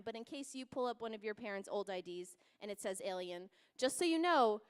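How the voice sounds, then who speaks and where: A young woman telling a funny story at a church youth service, animated and laughing as she acts out voices. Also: high-pitched. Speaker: youth speaker. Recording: long hall reverb.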